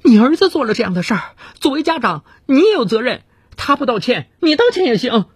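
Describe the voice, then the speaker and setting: A man voicing an upset young woman shop clerk, tearful and indignant, in a shrill pleading falsetto. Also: very animated, a little fast, husky, no echo, heavily acted.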